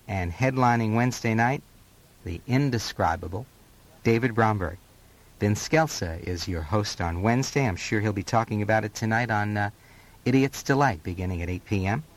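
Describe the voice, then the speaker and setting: A man working as a radio DJ, reading on-air event announcements in a steady, informative way. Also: mid-range voice, rough recording. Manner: steady, informative delivery with brief pauses. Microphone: studio microphone.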